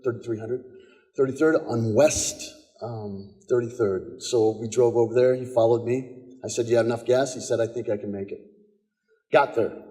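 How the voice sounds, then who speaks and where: A male pastor with an American accent preaches in an easy storytelling way, often repeating himself as he talks. His voice is mellow and relaxed at a middle pitch. It rings with the long reverb of a large church sanctuary. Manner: storytelling, conversational with quoted dialogue and repetitions. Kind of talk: sermon.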